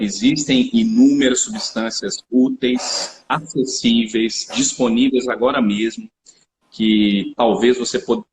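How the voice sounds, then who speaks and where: A man explaining health topics in a live-stream conversation, lecturing and often checking in with tag questions. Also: medium pitch. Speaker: researcher and supplement company founder. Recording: echoey room with faint background noise.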